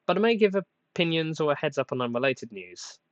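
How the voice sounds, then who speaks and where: This podcast host is a young man talking alone and casually, wandering off topic, putting himself down, and hesitating often while he recovers from a cold. His plain, fairly flat voice runs on the high side at a fairly quick clip. The recording is muffled, with no room sound.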